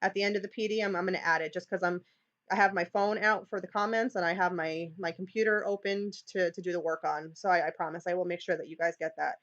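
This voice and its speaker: A woman's voice: on the low side, steady tone, fast, fairly bright tone, lo-fi sound. A woman with a New York accent leading a live screen-share tutorial for teachers, chatty, with many "okay"s and restarts. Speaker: teacher leading a training session.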